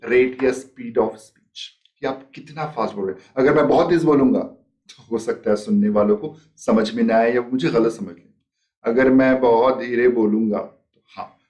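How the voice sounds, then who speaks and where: A man's voice: medium pitch, darkish tone, recorded from a distance. A man teaching a life skills lesson, explaining step by step and acting out example sentences. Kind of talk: spoken lesson with demonstrations.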